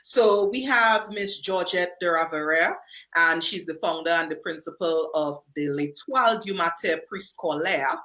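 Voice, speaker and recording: A woman's voice: lowish voice, moderate pace, sharp tone, low-quality recording. A woman hosting a radio talk show, chatty and easygoing, often restarting her sentences. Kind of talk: casual radio chat.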